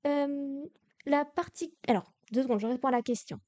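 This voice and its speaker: A woman's voice: high-pitched, normal speed, mellow, no room sound. A young woman teaching Korean to beginners on a livestream, explaining each answer patiently and step by step. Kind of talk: livestream lesson.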